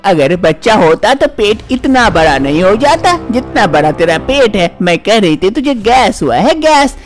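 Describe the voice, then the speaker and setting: A cranky old mother-in-law from a cartoon story scolds her daughter-in-law in a high, sharp voice, as a man puts her on. She waves every worry away and nags without pause. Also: big pitch swings, faint music behind. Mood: scolding. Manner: scolding, dismissive.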